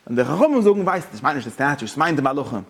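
A man teaching a Torah lesson, talking excitedly with stumbling restarts and English words mixed in. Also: medium pitch, racing, breathy edge. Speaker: religious teacher.

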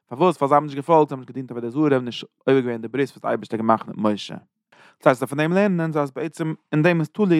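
A man giving a quick, running Torah lesson, telling the chapter as a story and sometimes raising his voice to act out the speakers. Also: medium pitch, no room sound, clean studio sound. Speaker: teacher. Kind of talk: fast Torah lesson retelling a Bible chapter.

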